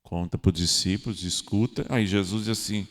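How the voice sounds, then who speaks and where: A man, a parish priest from Brazil, giving a homily with lively, joking delivery and little acted-out voices of everyday people. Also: low voice, moderate pace, big-room sound.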